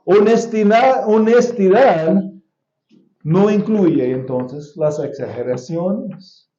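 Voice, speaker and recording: In a church sanctuary, a male pastor from the United States gives a Spanish-language sermon, deliberate in delivery, with repeated key phrases and the odd restart. He has a high, expressive voice with a dark tone, and the recording sounds echoey and a little dull.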